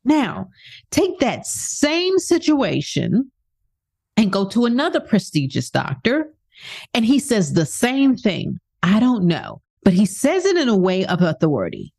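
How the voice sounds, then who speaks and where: Lively, emphatic woman speaker. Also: on the high side, a little slow, gravelly. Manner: emphatic, rhetorical questions, acts out quotes. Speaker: self-help speaker. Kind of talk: motivational monologue.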